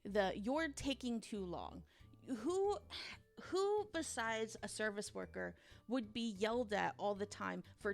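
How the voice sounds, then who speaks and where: A woman ranting casually through a fan theory, rambling and animated, with emphatic asides and casual swearing. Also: medium pitch. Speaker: video game fan theorist.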